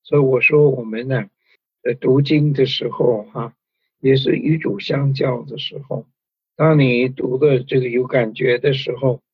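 Brief: male preacher, very breathy husky voice, chatty sermon delivery, dull lo-fi recording. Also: mid-range voice, fairly even intonation, unhurried, no room sound. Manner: conversational preaching with frequent fillers and tag particles.

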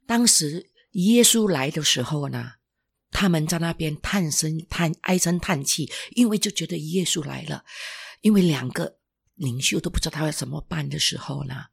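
An older former pastor giving an emotional personal testimony, halting and restarting, sometimes dropping to a whisper. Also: medium pitch, lively intonation, creaky, breathy edge.

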